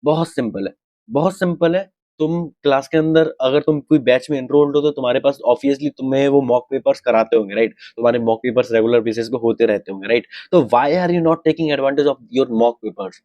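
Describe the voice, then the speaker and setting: A young Indian man mentoring exam students in a casual, direct way, often checking in with quick tag questions and dropping English phrases into his talk. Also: medium pitch, mellow, no room sound, lo-fi sound. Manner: direct, repeats "ठीक है" and "right" to check in, mixes English phrases.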